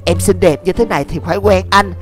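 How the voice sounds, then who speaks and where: A woman's voice: lowish voice, quick pace, faint music behind, close to an everyday voice. A woman doing a bragging young demon suitor. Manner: bragging, insulting. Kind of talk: game video voice-over.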